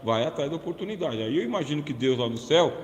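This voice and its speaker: A Brazilian pastor with a Brazilian Portuguese accent gives a humorous sermon-lecture, chatting, joking and throwing questions to his listeners. His voice is a bit high for a man, and he's expressive and fast. The church hall adds a long, roomy reverb.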